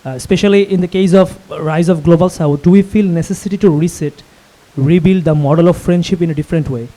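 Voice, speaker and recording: A man in the audience puts a long question to the panel in formal, academic wording. His voice is slightly high in pitch but very dark and mellow. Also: steady tone, quick pace, rough recording. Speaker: audience member asking a question.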